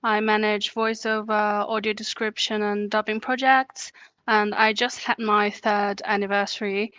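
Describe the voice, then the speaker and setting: A woman from China, a podcast guest answering in a relaxed way with light laughter. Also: medium pitch, moderate pace, smooth, dry recording. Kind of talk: casual interview answers.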